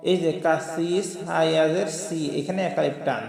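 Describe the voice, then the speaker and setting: Male recitation teacher, slightly high voice, drawn-out chanting, long hall echo. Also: vocal fry, darkish tone. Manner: chants prayer words slowly, then explains pronunciation. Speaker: religious teacher. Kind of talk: recitation lesson. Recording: echoey hall with faint music.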